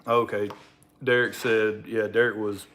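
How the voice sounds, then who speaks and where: Mumbling man, lowish voice. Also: little pitch movement, a little slow, fairly bright tone. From Alabama, United States. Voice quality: mumbled, marbles-in-mouth diction. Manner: rambling, folksy, informal. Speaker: livestream host. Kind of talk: casual livestream chat.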